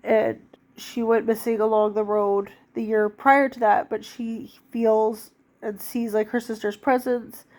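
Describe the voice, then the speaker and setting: With little pitch movement and a measured pace, a woman in her thirties speaks in a fairly high, slightly mellow voice. Nursing a stuffed-up cold, she rambles casually about books as a vlogger, leaning heavily on fillers.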